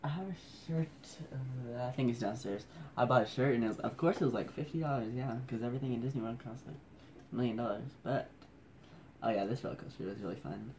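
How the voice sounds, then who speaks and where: Scrolling through old photos late at night at home, this man talks quietly so the house stays asleep, wandering from thought to thought and poking fun at himself. He speaks fast at a medium pitch, with a slightly mellow quality. There's slight background noise.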